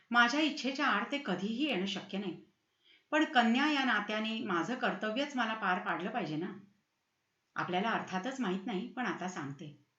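A woman's voice: a little high, fairly bright tone, roomy sound, highs cut off, lightly acted. A woman voicing a scheming young woman who pleads and coaxes her lover in a storybook reading. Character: scheming young woman, sweet-talking and tearful.

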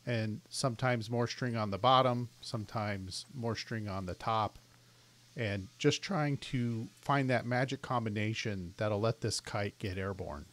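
A man hosting a woodworking vlog, narrating in a thoughtful, even-paced casual voice-over. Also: lowish voice, unhurried. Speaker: woodworking channel host. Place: outdoors in an open park.

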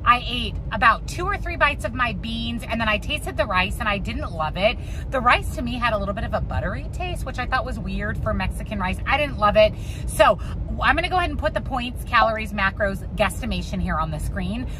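A woman's voice: fairly high pitch, expressive, a little fast, noisy background. A woman in her thirties, a lifestyle vlogger, giving chatty, upbeat and rambling narration of her day. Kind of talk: casual vlog narration.

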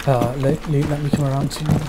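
A man's voice: fairly high pitch, little pitch movement, fast. A man playing a team shooter and chatting casually with his teammates. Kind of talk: casual gaming chat. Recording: very noisy game voice chat with clicks.

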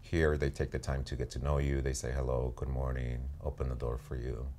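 Very deep-voiced calm man. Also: fairly quick, slight background noise. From Mexico, raised in the Midwest. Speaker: interviewee, co-parent. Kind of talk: casual interview. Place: living room, sitting in an armchair.

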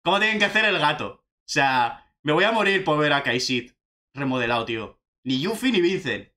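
Young man, Spain Spanish accent, excitable trailer reaction, animated pitch, bright tone. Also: normal speed. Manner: excitable, chatty, says "tío" often. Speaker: gaming youtuber reacting to a trailer.

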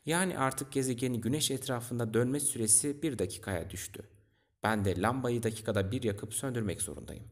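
A man's voice: mid-range voice, fairly quick, natural voice. A man reading aloud, voicing a tired, resigned male lamplighter from a storybook who only wants to sleep. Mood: weary. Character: weary, sleepy male lamplighter bound to duty.

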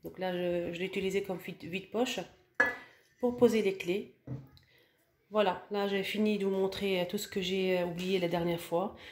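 A woman's voice: mid-range voice, fairly even intonation, moderate pace, a little mellow, roomy sound, a little hiss or hum. A woman giving a casual home decor tour and showing her purchases, talking hesitantly with many fillers and restarts. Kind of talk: casual voice-over room tour.

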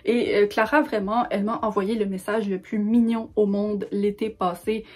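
Husky-voiced Québécoise book vlogger. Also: female voice, medium pitch, steady tone, normal speed. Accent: Québécois French. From Quebec. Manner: chatty and enthusiastic. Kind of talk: casual vlog talk to camera.

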